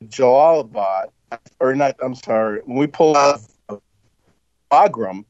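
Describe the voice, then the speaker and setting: A man talking in a casual discussion over an online call in halting bursts with many restarts, his audio cutting in and out with uneven volume. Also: medium pitch, lively intonation, darkish tone, no room sound. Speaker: panel guest. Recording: dull, dry, dropping-out call audio.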